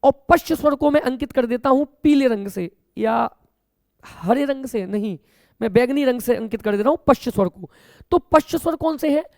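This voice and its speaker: A man with a notably high-pitched voice teaches an exam-coaching grammar lesson. He explains patiently, point by point, and keeps turning to his students as children. The sound is dry and close, with no room echo. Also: normal speed, a little mellow.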